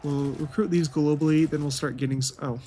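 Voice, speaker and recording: A man's voice: on the high side, fairly even intonation, brisk, dark tone, a little hiss or hum. A man thinks aloud in casual commentary as he plays a strategy game. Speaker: gaming video host.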